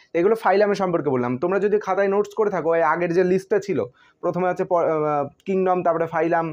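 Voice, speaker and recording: Man, teacher, high voice, spells out words letter by letter, repetitive, muffled lo-fi recording. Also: darkish tone. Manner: repeats and spells out terms letter by letter. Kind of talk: classroom science lesson. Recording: dull lo-fi sound.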